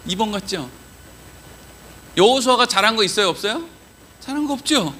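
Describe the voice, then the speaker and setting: A man's voice: high voice, lively intonation, a little slow, bright, forceful tone, a little hiss or hum. A man preaching a Wednesday evening sermon in a church, chatty and joking, quizzing the listeners. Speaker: pastor.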